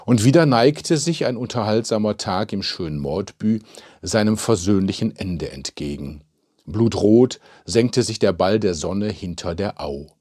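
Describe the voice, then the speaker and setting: A man narrating a humorous village story calmly, as in an audiobook. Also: lowish voice, dry recording, studio quality. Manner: calm, measured storytelling.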